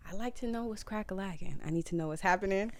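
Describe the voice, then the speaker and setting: A woman's voice: medium pitch, fast, a little mellow. A young woman of about twenty co-hosting a podcast, chatting playfully with lots of filler words. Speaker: podcast co-host. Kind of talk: casual chat.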